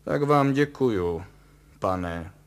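A man voicing a worried middle-aged father who speaks hesitantly and formally, with a gravelly low voice. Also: heavily acted. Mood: uneasy.

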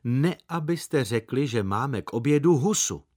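A man voicing a practical mother who speaks in a dry, resigned, measured way in a storybook reading. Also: mid-range voice, expressive, darkish tone, close to an everyday voice. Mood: wry. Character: wry, practical mother of the family.

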